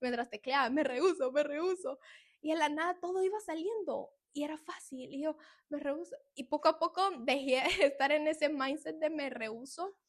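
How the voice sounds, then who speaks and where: High-voiced woman sharing testimony. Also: a little fast, dry recording, studio quality. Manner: emotional, confessional, with soft laughs. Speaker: podcast host. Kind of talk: personal faith testimony.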